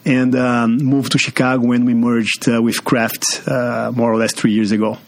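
A Brazilian man with a Brazilian Portuguese accent, a marketing executive appearing as a guest on a business podcast interview. His medium-pitched voice is flat and moderately paced, and his speech is full of fillers and restarts.

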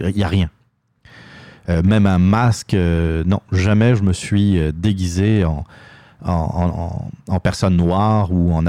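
A man's voice: deep voice, dark tone, no echo, studio quality. A man with a Québécois French accent hosting a political commentary show, talking in a hesitant monologue full of fillers and restarts. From Quebec. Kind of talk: opinion monologue.

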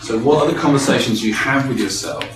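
A man leading a live coaching training for a group, lively and engaging, often acting out voices. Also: mid-range voice, fast, over music. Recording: echoey room from a distance.

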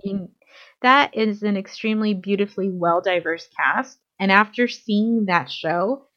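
A woman's voice: mid-range voice, measured pace, a bit bright. Female co-host, eager casual talker, slightly dull recording. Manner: enthusiastic, chatty, many fillers. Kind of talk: casual chat. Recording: dull lo-fi sound.

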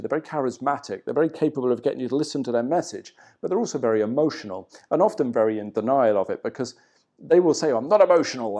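A qigong teacher gives a casual, conversational lesson from a hotel room, talking loosely and saying "you know" a lot. His voice is medium-pitched with a dark tone.

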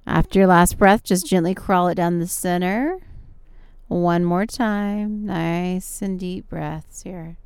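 A woman's voice: on the low side, takes it slowly, a little mellow, clear, resonant tone, no room sound. A woman yoga instructor leading guided stretching and relaxation in a soothing, encouraging manner. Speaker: yoga instructor and show host.

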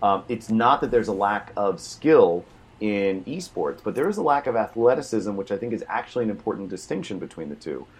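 A man's voice: fairly low pitch, animated, brisk, slightly rough. A man co-hosting a casual gaming talk show, joking with a dry, sarcastic humor. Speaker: podcast co-host. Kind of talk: casual chat.

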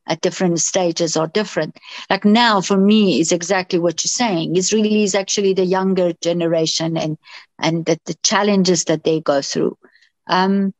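A woman's voice: medium pitch, no room sound. A middle-aged woman from Iran, a doctor and interview guest, who answers with many fillers and restarts.

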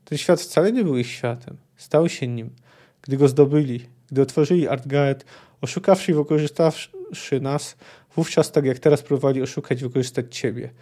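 A man voicing an ancient, wise unicorn in a grave, measured audiobook-style reading. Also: medium pitch, warm tone, close to an everyday voice. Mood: solemn.

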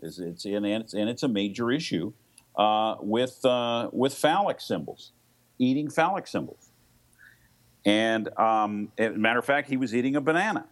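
A man's voice: fairly low pitch, expressive, normal speed. A man co-hosting a talk radio show in a casual, rambling conversational way.

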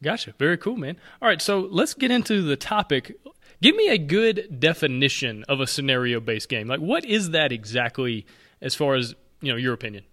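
A man hosting a podcast interview, talking in an upbeat, friendly way and asking quick questions. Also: a little high, big pitch swings, pushed and bright. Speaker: podcast host. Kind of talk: casual interview chat.

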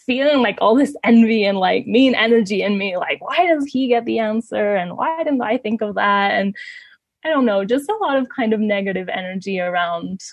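A woman born in Canada and raised in Ecuador shares personal stories casually, like an interview guest, laughing often and sounding giggly. Her mid-range voice moves at normal speed, and the recording is muffled with no room sound.

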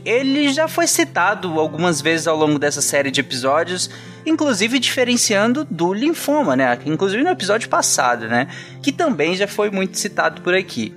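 A male podcast host with a Brazilian accent. His voice sits a little high for a man. He speaks in casual conversational style over faint music. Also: fairly bright tone. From Goiânia, Goiás, Brazil. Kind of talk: casual hosting chat.

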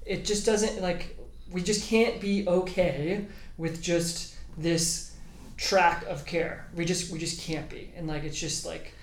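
A podcast host conducts a casual conversational interview, rambling emphatically and informally with plenty of "like" and "you know". The voice is medium-pitched with fairly even intonation and a slow pace. The recording has a roomy echo and clear background noise.

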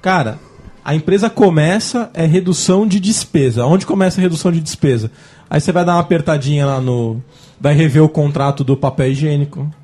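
Casual podcast man, Brazilian Portuguese accent, emphatic and slangy, a bit high with a husky edge. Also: a little fast, dark tone. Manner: slangy and emphatic, acts out dialogue as he explains.

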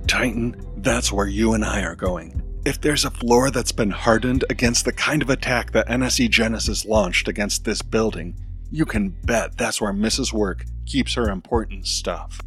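A man voicing a clever, determined superhero woman in a storybook reading, talking in a calm, tactical way. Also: lowish voice, moderate pace, faint music behind, close to an everyday voice.

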